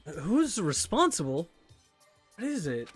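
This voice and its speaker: Animated woman reading game lines aloud. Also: on the low side, unhurried, slightly rough, faint music behind. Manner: animated, reads every character's lines. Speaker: streamer.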